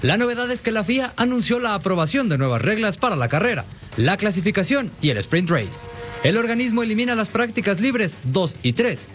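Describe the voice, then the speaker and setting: Male news voice-over, high and lively, scripted sports report over music. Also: brisk. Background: background music.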